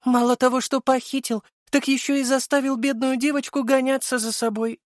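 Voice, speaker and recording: Man doing a mischievous young noblewoman, high-pitched, playful and mocking, lively delivery, dry close sound. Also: moderate pace, dry recording. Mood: teasing.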